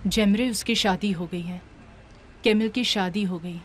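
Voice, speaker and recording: A woman's voice: medium pitch, a little slow, a little hiss or hum, natural voice. A woman voicing a polite, composed young office worker in a dubbed TV drama.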